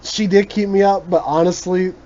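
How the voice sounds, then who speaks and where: A man's voice: sits high, fairly even intonation, normal speed, dark tone. A man hosting a casual podcast chat, rambling and joking and laughing often. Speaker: podcast host. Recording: muffled lo-fi recording with faint noise.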